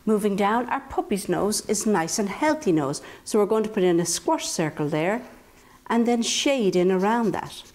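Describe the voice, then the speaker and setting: Female kids' art instructor, mid-pitched, playful and encouraging, guiding young viewers step by step. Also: expressive, normal speed, darkish tone. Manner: playful, encouraging, talks directly to young children. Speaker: children's drawing instructor and host. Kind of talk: step-by-step drawing tutorial for children.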